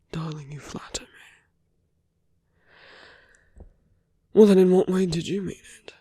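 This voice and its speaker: An ASMR performer plays a seductive, smug villain in a romantic audio roleplay, speaking close and dry with plenty of gravelly fry in an exaggerated, warm, mid-range voice with no echo. Amused and teasing, the drawling, intimate delivery drifts between a breathy murmur and frequent whispers.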